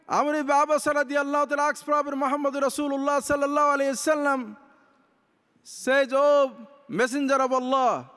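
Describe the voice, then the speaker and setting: A man's voice: extremely high pitch, a bit bright, clean tone. A man, giving an impassioned convention speech from a podium, mixing Arabic recitation into his English. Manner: impassioned, gesturing with both hands. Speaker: imam. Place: large convention hall stage. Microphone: podium microphones. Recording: long reverb of a big hall.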